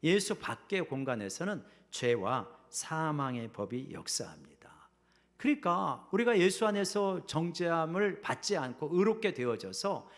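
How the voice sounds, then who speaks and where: Middle-aged pastor guy preaching in church, kinda high voice that swings all over, whispers the big lines. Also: measured pace. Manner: animated preaching, acts out quoted parable voices, drops to a whisper at key lines. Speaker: senior pastor. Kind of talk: sermon. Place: church sanctuary.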